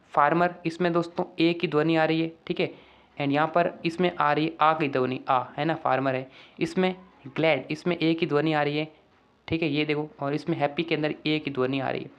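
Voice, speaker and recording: A man walking students through an exam paper, asking rhetorical questions and reading English sentences out slowly. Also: on the high side. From Rajasthan, India. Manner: keeps asking the class rhetorical questions, calls them friends. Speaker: teacher. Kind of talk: exam paper walkthrough lesson.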